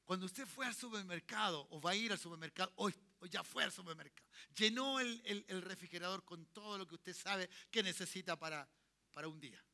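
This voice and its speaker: A Chilean-accented pastor with a high, brisk, creaky voice, bright and forceful, preaches a church sermon. He keeps checking in with the congregation and leads them in call-and-response, asking them to repeat after him.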